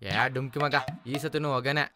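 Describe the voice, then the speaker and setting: A man's voice: medium pitch, moderate pace, loud music behind the voice, close to an everyday voice. An actor playing a grumbling, wisecracking young single man among friends. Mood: glum. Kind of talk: film acting.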